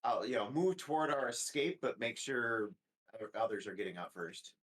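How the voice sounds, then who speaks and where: A man's voice: medium pitch, expressive, normal speed, fairly bright tone, poor audio. A man playing a tabletop game with friends, joking and laughing often as he talks from his home setup. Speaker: player. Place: home setup with a camera on a tripod.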